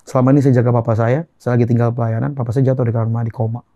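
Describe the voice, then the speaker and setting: A young Indonesian man telling an emotional personal testimony as a guest, earnest and halting, repeating phrases as he goes. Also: mid-range voice, little pitch movement, dark tone, dry recording, lo-fi sound.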